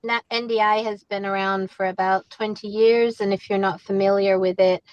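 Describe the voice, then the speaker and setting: A woman's voice: mid-range voice, level tone, moderate pace, darkish tone, no echo, muffled recording. A woman introducing herself as a panelist on a webinar video call. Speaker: panelist, program director.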